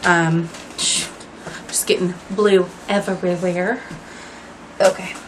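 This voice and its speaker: A woman's voice: fairly low pitch, little pitch movement, slow pace, a little hiss or hum, low-quality recording. Rambling, apologetic woman vlogging at home. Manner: rambling and apologetic, with many fillers. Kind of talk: casual chat to camera. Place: at home, dyeing her hair.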